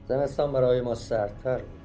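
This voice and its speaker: A man reading a short story aloud as an audiobook narrator, calm and measured. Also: medium pitch. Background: faint music.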